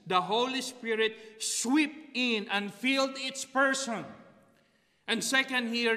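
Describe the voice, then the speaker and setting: Preaching from the pulpit of an empty church, a middle-aged Filipino-accented man whose first language is Tagalog repeats key phrases in an extremely high, pushed, bright voice. The pastor is captured by a stand-mounted pulpit mic and a distant camera, and the church hall rings with long reverb.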